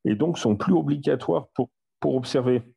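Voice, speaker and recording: A man's voice: medium pitch, moderate pace, vocal fry, warm tone, breathy edge, dry recording. A man leading a casual Bible study discussion over an online voice chat, talkative and repeating himself with many fillers.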